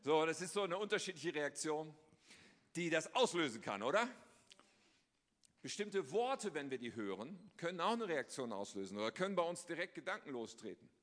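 A married man preaching as a guest pastor. He moves between loud, emphatic reading and a hushed, quiet prayer voice. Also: fairly high pitch, very animated, moderate pace, in a large hall. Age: adult, married. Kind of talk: sermon with prayer. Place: church.

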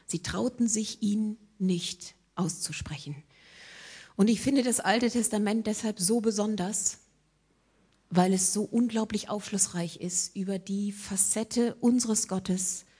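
A woman preaching a sermon to her congregation, asking them rhetorical questions and dropping from emphatic lines into hushed whispers. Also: lowish voice, husky.

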